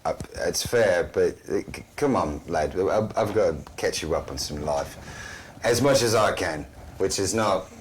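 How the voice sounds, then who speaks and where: A man's voice: deep voice, a little slow, slight background noise. A man playing a worldly street rogue in a tabletop game, talking casually with "mate" and "lad". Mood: earnest.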